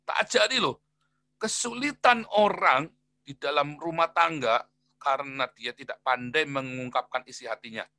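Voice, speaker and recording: Animated bright-voiced preacher man. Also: fairly high pitch, normal speed, no echo. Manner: animated, swings between soft asides and loud exclamations; colloquial, repeats phrases for emphasis. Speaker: pastor. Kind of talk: sermon.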